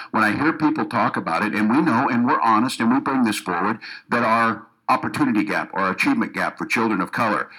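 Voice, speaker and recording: Over a rough recording, a political candidate with a fairly low, sharp voice with a breathy edge addresses educators in a meeting room audience. His campaign speech is earnest, and he frequently restarts sentences and repeats himself.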